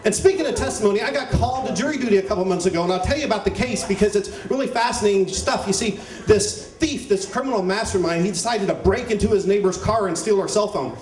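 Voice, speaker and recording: A man's voice: sits high, quick pace, few pauses. A man performing stand-up comedy in a crude clown persona, ranting with mock indignation to a live audience. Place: live stage before an audience. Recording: echoey room with live audience.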